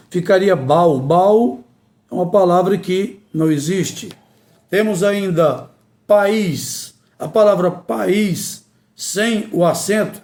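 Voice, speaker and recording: A man teaching spelling rules in a slow, deliberate way, repeating each key word. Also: high voice, darkish tone. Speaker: Portuguese language teacher. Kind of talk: grammar lesson.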